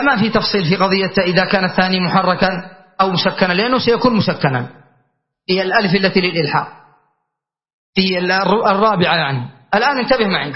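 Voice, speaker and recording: A man teaching a classical grammar lesson, explaining patiently and checking in with his students. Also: sits high. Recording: dull lo-fi recording.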